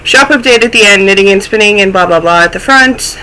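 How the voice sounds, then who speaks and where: Chatting to camera from a small room at home, a young woman runs a knitting podcast, her voice stuffy and snuffly, with self-deprecating asides. She talks fairly quickly at a medium pitch, in a bright, forceful tone. The recording is rough, with slight background noise.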